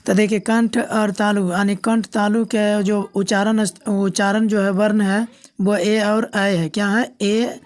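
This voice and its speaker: A woman's voice: mid-range voice, level tone, unhurried, a little mellow. A woman teacher giving an exam-prep grammar lesson, asking herself questions, answering them, repeating key points and checking in with students often.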